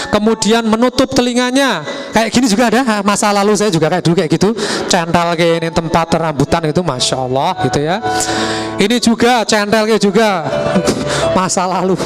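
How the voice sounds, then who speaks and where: A man giving an animated motivational talk to teachers, acting out little scenes and quizzing the audience. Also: high voice. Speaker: motivational speaker. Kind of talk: lively motivational seminar talk. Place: school arts hall. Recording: echoey hall with faint music.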